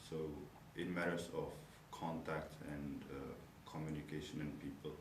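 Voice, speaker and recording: Answering an interviewer's questions about his studies, a young Czech university student speaks English at normal speed in a rumbling low, level voice. Czech is his first language, so he phrases things nonnatively and pauses to find words, staying thoughtful. Echo, background noise and a distant mic mark the recording.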